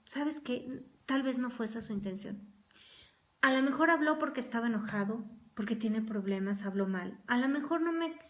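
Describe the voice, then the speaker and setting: An earnest woman church teacher gives a Bible study at a mid-range pitch. She talks with conviction and slips into other people's voices to act out small arguments. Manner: earnest, acts out everyday quarrels in quoted voices.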